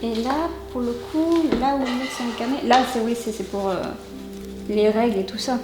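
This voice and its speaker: With a fairly high voice at a normal speed, a woman chats through an unboxing video, grateful for the items and often stumbling as she searches for words. Her recording has a roomy echo and background music.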